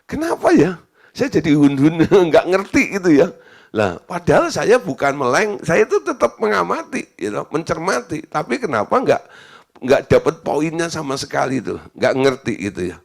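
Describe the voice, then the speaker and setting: A man's voice: on the high side, very animated, moderate pace, vocal fry. A male pastor giving a sermon in a chatty, storytelling way, laughing now and then. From Indonesia.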